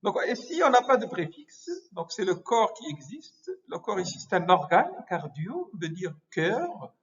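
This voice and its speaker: Guy lecturing med students, lots of pauses and restarts, dull muffled audio. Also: high voice, big pitch swings. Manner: halting, many hesitations and self-corrections. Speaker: medical lecturer. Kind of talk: explanatory lecture. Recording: muffled lo-fi recording.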